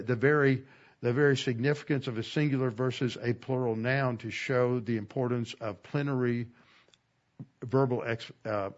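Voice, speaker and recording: Emphatic male Bible teacher, dull recording. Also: mid-range voice. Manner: emphatic, slows down to stress key words. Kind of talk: expository Bible lesson.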